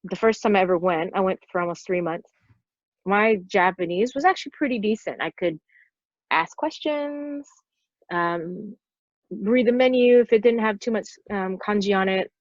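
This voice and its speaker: A woman in her forties talks as a guest on a podcast, a stunt performer telling meandering stories in loose conversation, filled with "like." Her pitch is medium and her pace moderate. The lo-fi recording sounds dull and dry, with no room sound.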